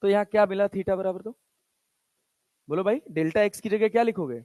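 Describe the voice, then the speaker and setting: With a high pitch and dark tone at a moderate pace, a man delivers a physics lecture free of echo. He chats casually in Hindi using English terms, firing off questions to his class and answering them on his own.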